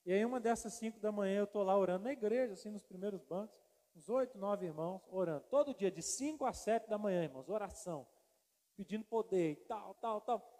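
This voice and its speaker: A male pastor with a very high voice tells a funny story in his sermon. He acts out each line of dialogue with lively energy. His voice rings out with a long reverb through a large church hall. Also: fairly quick. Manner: animated storyteller acting out dialogue.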